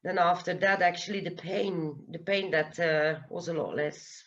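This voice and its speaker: A woman's voice: on the low side, fairly even intonation, a little slow, fairly bright tone, dull audio. A woman on a video call describing her experience earnestly, with many hesitations and fillers. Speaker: guest giving a testimonial. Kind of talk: casual video call chat.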